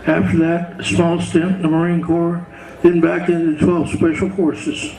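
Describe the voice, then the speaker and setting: Even, higher-pitched man in echo. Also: moderate pace, crowd noise. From Oklahoma, United States. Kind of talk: formal self-introduction in short phrases. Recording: echoey public address.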